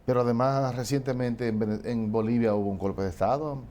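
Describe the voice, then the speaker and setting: A man's voice: mid-range voice, fairly even intonation, fairly quick, dark tone, slight background noise. A man in a casual political discussion, talking with indignation and asking rhetorical questions. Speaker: political commentator.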